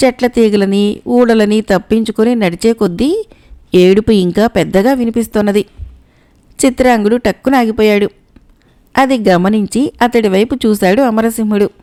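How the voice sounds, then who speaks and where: A woman narrating a folk-tale audiobook in an even, expressive reading. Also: mid-range voice, normal speed. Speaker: storyteller.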